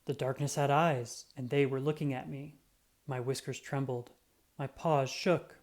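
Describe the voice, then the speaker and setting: In a mid-range voice that runs a little slow, a storybook narrator tells a children's picture-book tale as a self-important cat detective. Sound effects get acted out in this expressive, dramatic reading.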